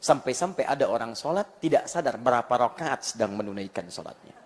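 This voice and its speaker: Lively joking male preacher in echoing hall. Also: mid-range voice, fairly quick. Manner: animated and joking, acts out everyday quotes; quotes Arabic verses and hadith. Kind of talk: live sermon to a congregation. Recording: long hall reverb.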